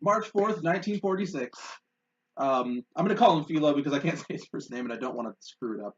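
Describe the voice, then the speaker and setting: A man's voice: on the high side, expressive, quick pace, dull audio, a little hiss or hum. A man co-hosting a podcast, telling a story in a loose, rambling way with frequent laughs. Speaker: podcast co-host. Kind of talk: casual chat.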